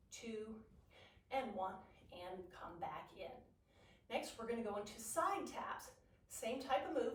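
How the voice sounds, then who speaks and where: Echoey, higher-voiced woman aerobics instructor. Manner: aerobics instructor cueing and counting out moves. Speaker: aerobics instructor leading a low-impact workout. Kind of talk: follow-along exercise instruction with counted moves. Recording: echoey room, distant mic.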